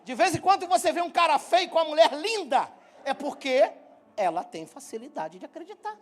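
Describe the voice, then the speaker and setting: A middle-aged man from Brazil preaching to his congregation, telling a funny personal story in a joking, animated way and speaking straight to the people. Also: very high-pitched, fairly quick. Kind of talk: humorous sermon storytelling. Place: church hall.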